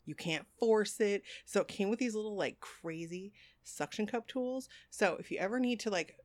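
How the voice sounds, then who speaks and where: A woman's voice: mid-range voice, moderate pace. Rambling, foul-mouthed woman co-host. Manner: rambling, swears freely. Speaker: podcast co-host. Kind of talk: casual chat.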